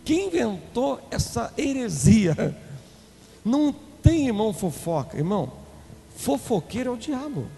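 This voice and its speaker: A man with a Brazilian Portuguese accent preaching a sermon as an apostle, swinging between loud declaiming and quick low asides to the congregation. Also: creaky. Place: church hall. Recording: long hall reverb, faint room noise.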